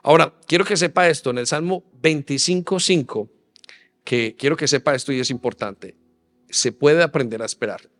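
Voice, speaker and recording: A man's voice: a little high, normal speed, a bit bright, big-room sound. A man preaching a sermon as pastor, earnestly addressing his listeners with direct questions. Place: church hall.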